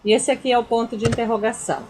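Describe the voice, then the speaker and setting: A woman's voice: fairly high pitch, steady tone, racing, a little mellow, slight background noise. A woman with a Brazilian Portuguese accent, a teacher giving a recorded grammar lesson for children, explaining patiently, repeating herself and pointing things out.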